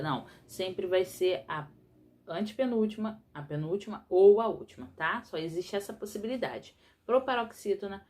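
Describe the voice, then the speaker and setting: Patient teacher, woman. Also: mid-range voice. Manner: patient, explains slowly with frequent checks "tá?". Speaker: primary school teacher. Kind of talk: recorded remote class explanation.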